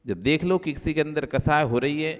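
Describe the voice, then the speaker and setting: A male Jain monk giving a sermon, repeating key phrases and moving between soft low asides and raised, emphatic lines. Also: a little fast. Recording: long hall reverb.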